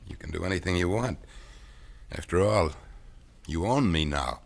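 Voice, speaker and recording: An actor playing a bitter, ashamed murder suspect out on bail in a 1970s radio drama, talking in a halting way. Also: male voice, low voice, expressive, gravelly, full character voice.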